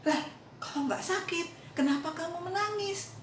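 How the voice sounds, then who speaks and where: A woman voicing a kind adult doctor who gently questions and reassures a child, in a roomy echo from a distance. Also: very high voice, moderate pace, a little hiss or hum, pitched above the performer's own voice. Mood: puzzled coaxing.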